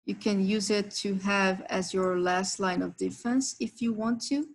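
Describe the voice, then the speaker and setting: A woman's voice: medium pitch, poor audio. A woman hosting a live trading session, walking members through chart levels and price zones. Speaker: trading stream host.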